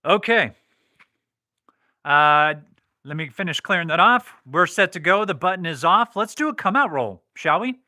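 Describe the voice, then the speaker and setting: A man's voice: high voice, lively intonation, normal speed, bright, forceful tone, no room sound, studio quality. A man hosting a casual livestream game as a craps table caller, calling out rolls and bets to players. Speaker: livestream host running an online craps game. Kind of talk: casual live game commentary.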